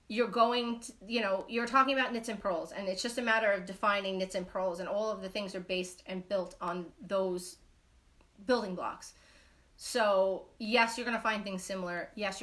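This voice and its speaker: A woman's voice: mid-range voice, fairly bright tone. A woman from Brooklyn, hosting a casual knitting live stream, talking bluntly with lots of swearing and rambling fillers. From Brooklyn, New York.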